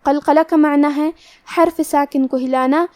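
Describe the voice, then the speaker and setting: A woman with a Pakistani Urdu accent teaching Quran recitation rules methodically, then reciting each word slowly. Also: high voice, fairly even intonation, a little mellow. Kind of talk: tajweed lesson with slow recitation.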